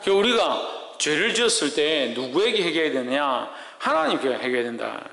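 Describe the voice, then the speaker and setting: Forceful pastor's sermon in an echoing hall. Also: male voice, fairly high pitch, sing-song, brisk, vocal fry. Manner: asks the congregation rhetorical questions and answers them. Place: church sanctuary. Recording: echoey church hall with long reverb.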